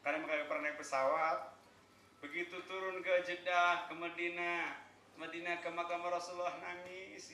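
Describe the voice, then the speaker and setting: A man preaches a joking, story-filled sermon in a bright, forceful voice pitched a little high. He drifts into slow chanted Arabic phrases now and then. The sound rings around an echoey venue. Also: a little hiss or hum. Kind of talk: humorous sermon at a thanksgiving gathering.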